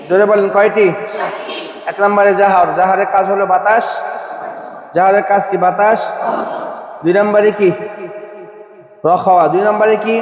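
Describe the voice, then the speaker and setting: A man teaching Quran recitation, running a call-and-response pronunciation drill and coaxing his students to answer louder. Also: high-pitched. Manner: repeats questions and coaxes students to answer louder. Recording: echoey hall.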